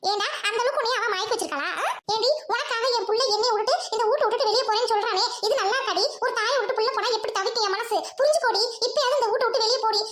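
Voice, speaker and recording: A cruel, scheming rich mother-in-law, acted by a woman in a family skit. She yells insults and mocks in a very high, piercing voice, firing her words off quickly. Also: a little hiss or hum. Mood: ranting. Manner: shouting, insulting, mocking laughter.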